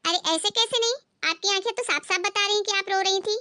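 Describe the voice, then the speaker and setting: Woman voicing a caring young sister-in-law, concerned and insistent, very high bright tone, cartoon story. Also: brisk, no echo, clean studio sound.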